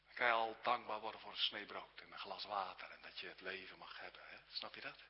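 A man preaching a sermon earnestly, shifting between hushed whispers and raised, exclaiming passages. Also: low voice, a little fast. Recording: dull sound with long hall reverb.

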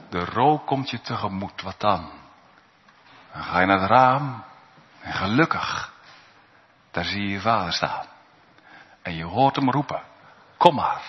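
A man preaching a sermon in earnest, rising to high cries and then dropping to hushed tones. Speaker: pastor. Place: church. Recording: dull lo-fi church recording with long reverb.

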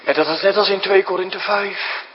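A man preaching a sermon, explaining things to children, jumping high for emphasis and sinking to a hushed whisper. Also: fairly even intonation, moderate pace, big-room sound, muffled recording. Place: church.

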